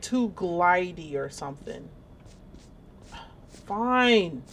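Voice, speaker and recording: A woman's voice: fairly low pitch, a little hiss or hum. A woman streamer giving casual, chatty commentary while playing a horror game, reacting aloud. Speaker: gaming streamer. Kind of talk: let's-play commentary.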